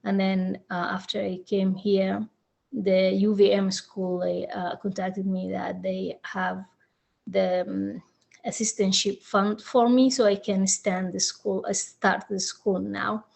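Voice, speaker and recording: A woman from Sudan, a district's new DEI director, introducing herself at a town hall in a halting way, with many fillers and restarts. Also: mid-range voice, flat delivery, creaky, darkish tone.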